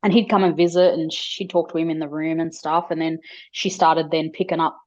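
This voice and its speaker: A low-pitched woman chatting casually on a podcast. She tells stories with animation and slips into higher voices for quotes. The audio sounds dull and lo-fi. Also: brisk. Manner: animated storyteller, acts out quotes in high voices. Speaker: podcast co-host. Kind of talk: casual chat.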